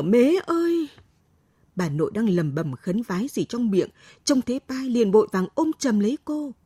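A woman narrates a story slowly, her husky voice dark and mellow. Her pitch rises and falls with feeling. The recording is dry and close, with no room sound. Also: no echo. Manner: slow, expressive storytelling. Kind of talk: scripted narration.

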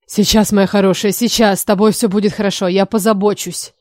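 A woman reading an audiobook voices a young male king who barks orders loudly and scolds his guards. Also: medium pitch, fairly even intonation, fairly quick, no room sound, studio quality, natural voice. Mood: tender. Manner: loud, barking orders. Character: young male king, commanding and hot-tempered.

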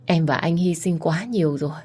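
A woman's voice: low-pitched, fairly quick, mellow, slightly rough. A woman reading as a worried devoted boyfriend. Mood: tender. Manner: urgent, pleading questions. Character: young man, devoted worried boyfriend, company director.

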